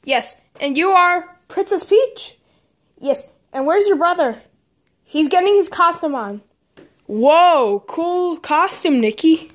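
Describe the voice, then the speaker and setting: A woman's voice: very high voice, expressive, takes it slowly, exaggerated voice. A woman voicing an eager, chatty young kid going trick-or-treating in a fan cartoon. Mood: excited.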